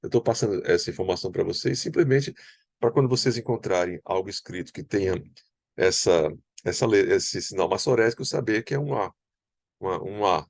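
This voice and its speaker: A man teaching a language lesson from slides, explaining step by step and slowly repeating example words. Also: deep voice, animated, creaky, no room sound.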